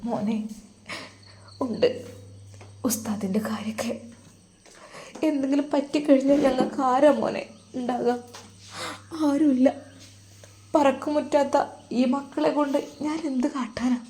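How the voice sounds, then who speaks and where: A soft, pleading wife on the edge of tears, as a woman storyteller puts her on. She speaks quietly with a dark, mellow tone. Her voice rises high when she frets about her children. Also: moderate pace, long pauses, roomy sound, a little hiss or hum, close to an everyday voice. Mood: tearful. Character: grieving wife of a sick teacher, tearful.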